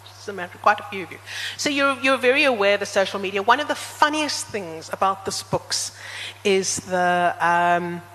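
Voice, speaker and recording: A woman hosting a book talk, chatting to the audience and speeding up and slowing down as she speaks. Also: medium pitch, lively intonation, a bit bright. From South Africa. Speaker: interviewer at a book event. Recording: reverberant hall with faint background noise.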